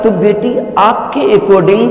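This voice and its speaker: A man's voice: high-pitched, takes it slowly. A male Islamic cleric giving a scolding, sarcastic rebuttal, lecturing the listener like a daughter. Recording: echoey hall reverb.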